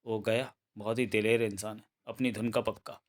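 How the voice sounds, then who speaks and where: A man voicing a brisk male police chief in a comic book read-aloud, speaking in an official tone. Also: on the low side, flat delivery, lightly acted.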